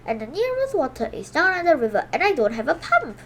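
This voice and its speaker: A woman's voice: high-pitched, sing-song, quick pace, fairly bright tone, a little hiss or hum, heavily acted. A woman voicing an anxious, earnest male farmer in a children's storybook. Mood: worried.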